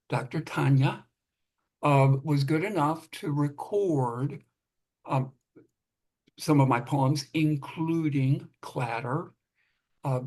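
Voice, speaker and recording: A man presenting poetry at an open mic, reading and introducing it informally with a halting delivery. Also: medium pitch, a little mellow.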